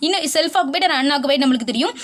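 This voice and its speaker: A woman tutor explaining tax rules in a video lesson, mixing English legal terms into her talk and restating each point in plain words. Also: high-pitched. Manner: mixes English legal terms into Tamil, reads rule text slowly.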